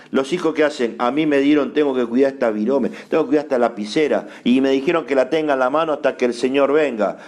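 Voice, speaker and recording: A man with an Argentine Spanish accent, an apostle preaching a sermon, asking rhetorical questions, answering them himself and repeating phrases for emphasis. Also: mid-range voice.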